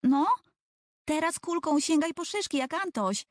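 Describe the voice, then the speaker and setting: A woman's voice: sits high, lively intonation, measured pace, dry recording, clean studio sound, voice pushed up. Woman playing a bossy little girl. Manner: commanding, scolding.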